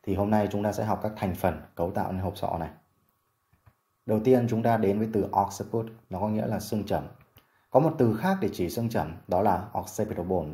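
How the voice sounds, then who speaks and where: A man leads a vocabulary lesson in a low, mellow voice. He paces his explanations evenly and slows right down when modeling words. The room around him has a noticeable echo. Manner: slow careful pronunciation drills. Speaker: medical English teacher.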